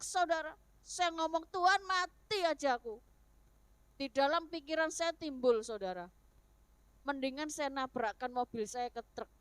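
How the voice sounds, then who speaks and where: A woman with an East Javanese accent preaching an animated sermon, talking straight to her listeners. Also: high-pitched, no echo. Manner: animated, rhetorical, addresses listeners as "saudara".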